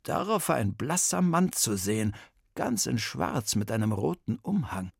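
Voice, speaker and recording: Man narrating a story, gravelly. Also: medium pitch, big pitch swings, unhurried, no echo, clean studio sound.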